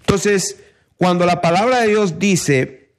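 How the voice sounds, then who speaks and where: A man's voice: sits high, slow pace. A middle-aged man preaching a sermon in an emphatic way, putting rhetorical questions to his congregation.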